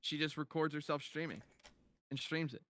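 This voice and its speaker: A man's voice: on the high side, moderate pace, a bit bright. A man hosting a casual podcast chat, laughing often as he tells loose, rambling stories. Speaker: podcast host.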